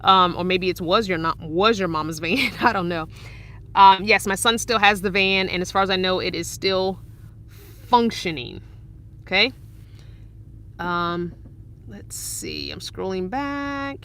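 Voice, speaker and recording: A bright, clear-toned woman in her forties chats away on a casual live stream from inside her parked van. She is upbeat and easygoing and breaks into laughter often as she answers viewers. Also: on the low side, measured pace, long pauses. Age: 40s. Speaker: van-life vlogger reading live chat.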